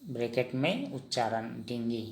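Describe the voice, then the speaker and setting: A man teaching vocabulary in a slow lesson, asking the listener each word and then repeating the answer. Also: medium pitch, very animated, a little hiss or hum. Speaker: language teacher.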